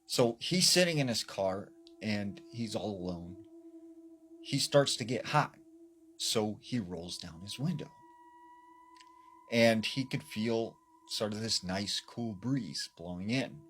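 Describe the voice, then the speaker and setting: Slow, low-voiced man telling a horror tale. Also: lively intonation, a bit bright, a little hiss or hum. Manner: measured, suspenseful retelling. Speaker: storyteller. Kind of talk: spoken horror story narration.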